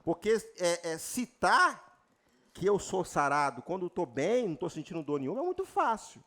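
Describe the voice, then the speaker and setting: A Brazilian man with a Brazilian Portuguese accent, a pastor preaching a lively sermon with jokes and sudden loud declarations at a church retreat. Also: sits high, moderate pace.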